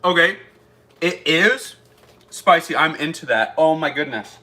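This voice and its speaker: A man's voice: fairly high pitch, lively intonation, a little slow, sharp tone. A man chatting through a casual taste-test vlog, thinking aloud as he eats. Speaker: food reviewer.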